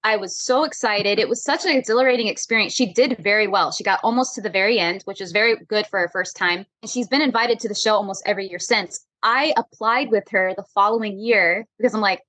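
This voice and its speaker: A woman's voice: medium pitch, a bit bright, no echo. A young woman guest on an interview podcast, telling stories in an upbeat, eager way with easy laughs. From Florida, USA. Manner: upbeat, eager storyteller who laughs easily. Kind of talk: casual interview chat.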